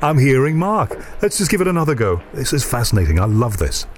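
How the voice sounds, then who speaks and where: Against background noise, a man hosting a radio show conducts a curious interview chat, inquisitive and enthusiastic, musing out loud while he listens. He speaks briskly in a very animated, medium-pitched voice.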